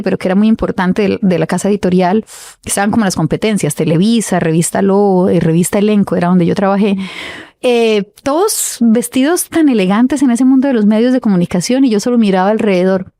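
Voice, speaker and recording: A woman from Colombia, a podcast guest telling stories from her life in an animated way and acting out the voices in them. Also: mid-range voice, brisk, no room sound. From Colombia, Cúcuta. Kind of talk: casual storytelling interview.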